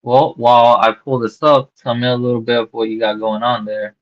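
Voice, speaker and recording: A man cold-calling a homeowner about buying her house, talking casually and haltingly with lots of fillers and restarts, heard over a phone line. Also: medium pitch, little pitch movement. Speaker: real estate wholesaler cold-calling a seller. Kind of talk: casual sales phone call. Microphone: phone call. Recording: dull lo-fi call recording.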